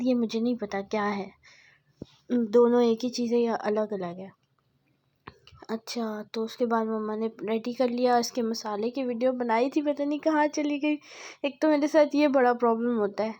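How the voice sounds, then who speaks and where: A woman's voice: fairly high pitch, dark tone. A young adult woman chatting through a casual vlog voice-over, rambling and correcting herself as she goes. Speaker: vlogger.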